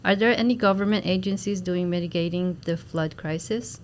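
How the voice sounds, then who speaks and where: A woman's voice: lowish voice, a little fast, slight background noise. A woman from the Philippines with a Filipino accent, politely leading a student discussion with questions. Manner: polite, questioning, leads the talk. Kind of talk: student discussion role-play.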